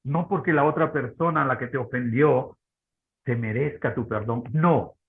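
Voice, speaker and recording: Preacher on a tinny line. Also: male voice, medium pitch, normal speed. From Peru. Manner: conversational, keeps asking the audience. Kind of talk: sermon. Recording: tinny phone-like audio.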